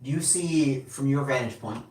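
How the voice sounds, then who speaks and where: A man's voice: medium pitch, unhurried, a little mellow. A man running a tabletop game as game master, narrating in a meandering way with many fillers and restarts. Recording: echoey room, distant mic, faint hiss.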